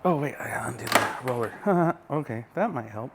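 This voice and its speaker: A man's voice: medium pitch, animated, a little fast, heavy background noise. Folksy man talking in his workshop. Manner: folksy, easygoing, talks while working. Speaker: home welder and mechanic. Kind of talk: casual workshop how-to vlog. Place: home workshop.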